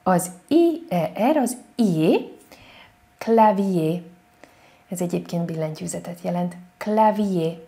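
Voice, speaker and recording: Patient woman teacher, low mellow voice. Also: very animated, gravelly. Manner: patient, repeats each example word slowly. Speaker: French teacher. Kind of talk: online language lesson.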